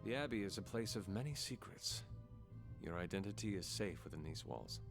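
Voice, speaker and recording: A man's voice: low voice, animated, moderate pace, music in the background. A man playing a solemn demon-hunting warrior who speaks formally and earnestly.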